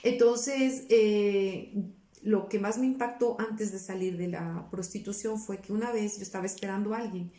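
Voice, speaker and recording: A woman's voice: medium pitch, fairly even intonation, moderate pace, warm tone, reverberant. A woman in her forties, a pastor giving her personal testimony in a casual interview. She talks earnestly and keeps searching for words, with many restarts.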